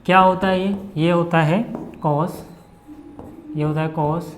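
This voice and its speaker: A man teaching maths in a friendly, chatty way. He often checks in with "okay", repeats each step slowly and asks his students questions along the way. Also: on the high side, fairly even intonation, a little hiss or hum. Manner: calls viewers brother in a friendly way. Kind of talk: blackboard lesson explanation.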